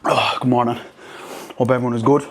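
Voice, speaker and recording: A man's voice: medium pitch, brisk, slight background noise. Slightly breathless man chatting on a bike. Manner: energetic, swearing, calls viewers lad. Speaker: fitness vlogger. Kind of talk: casual vlog chat. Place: home gym, indoors.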